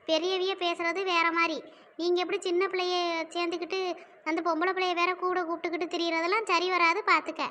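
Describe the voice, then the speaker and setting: A woman's voice: very high-pitched, sharp tone. A woman voicing a bossy, protective old village mother in a cartoon, speaking in a southern Tamil village dialect. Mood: commanding. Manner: bossy, scolding, then soothing. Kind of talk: cartoon dialogue.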